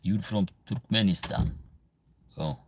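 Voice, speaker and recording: A man's voice: sits low, slow, a little hiss or hum. A man from Albania with an Albanian accent, chatting casually on a livestream as he reads viewer comments aloud and answers them. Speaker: livestream host, veterinarian.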